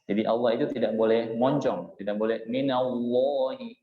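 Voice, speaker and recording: A man teaching Quran recitation. He explains each rule patiently, chants example words slowly, and keeps checking in with a short "ya". He is from Indonesia and speaks in a mosque hall. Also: lowish voice, steady tone. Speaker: Islamic teacher. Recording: echoey hall, dull lo-fi sound.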